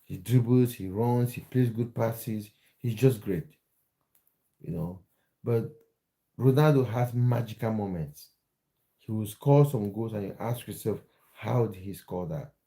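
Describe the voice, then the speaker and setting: A man from Cameroon chats with viewers on his casual football livestream, speaking unhurriedly in a lowish, warm voice. He often restarts his words mid-thought.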